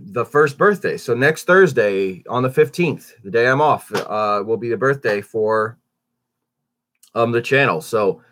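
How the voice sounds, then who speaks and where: A man hosting a casual morning update for his channel, sounding stuffy and under the weather, rambling with many fillers and restarts. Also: medium pitch. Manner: animated, swoops up on greetings. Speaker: YouTube channel host.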